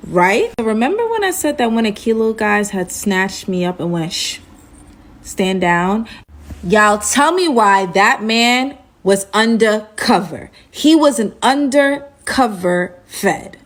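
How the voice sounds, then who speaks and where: A woman telling a personal story to her viewers in a casual storytime vlog, animated and chatty, calling them y'all and saying "like" often. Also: mid-range voice. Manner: animated, addresses viewers as y'all, heavy use of "like".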